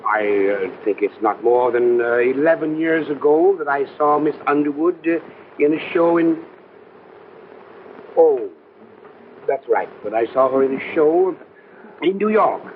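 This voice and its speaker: A man playing a folksy older small-town mayor in an old film, speaking in a halting, repetitive ramble. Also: a little high, natural voice. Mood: folksy, rambling. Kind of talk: old film drama acting. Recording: tinny, faintly noisy old film soundtrack.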